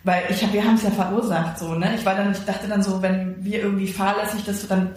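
A woman's voice: medium pitch, little pitch movement, quick pace, darkish tone. A woman co-host tells a story in an easy, chatty way. She acts out the quoted dialogue as she goes. The recording sits in a strongly echoing room. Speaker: podcast co-host. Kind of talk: casual storytelling chat. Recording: very echoey room.

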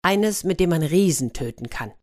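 A woman's voice: lowish voice, expressive, moderate pace, darkish tone, close to an everyday voice. A woman voicing a polite, earnest young prince in a fairy-tale reading. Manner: courteous, hesitant.

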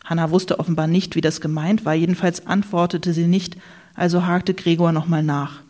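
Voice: medium pitch, little pitch movement, normal speed, darkish tone. An audiobook reader narrating a satirical novel in a dry, ironic manner.

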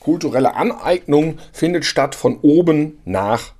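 A man's voice: a little high, lively intonation, measured pace, darkish tone. A man co-hosting a podcast, chatting casually, teasing his partner and searching for words with fillers. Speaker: podcast co-host.

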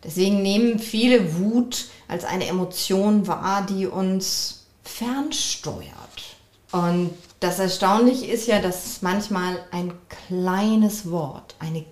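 Slow, measured woman podcast host. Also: mid-range voice, darkish tone, roomy sound. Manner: measured and reflective, with frequent affirming "ja". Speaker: coach and couples therapist, podcast host. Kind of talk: calm solo podcast talk.

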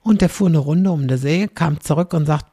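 A middle-aged woman comedian delivers a casual, rambling storytelling monologue, constantly checking in with the listener using the tag question "ne?". Her low voice is fairly quick, warm, and slightly rough, recorded at studio quality with no room sound.

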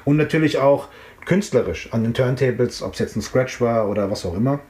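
A middle-aged man from the Frankfurt area of Germany, a hip-hop artist, reminisces as the interviewee in a casual interview, rambling with plenty of fillers and restarts. His mid-range voice moves fairly quickly and has a darkish tone. The recording carries a roomy echo.

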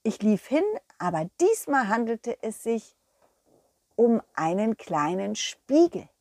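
A woman's voice: fairly high pitch, very animated, slow, a little mellow, dry recording. A woman narrating a children's story in a playful manner, speaking directly to young listeners.

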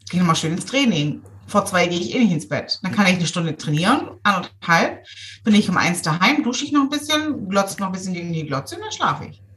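A middle-aged woman from Swabia with a Swabian German accent, chatting casually, lively and self-mocking, laughing often. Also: on the low side, brisk, a little hiss or hum. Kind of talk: casual chat.

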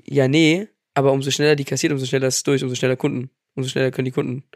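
A man's voice: medium pitch, level tone, very fast, no echo, studio quality. A young man co-hosting a podcast in casual chat, laid-back and agreeable, telling stories with slang. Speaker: podcast co-host.

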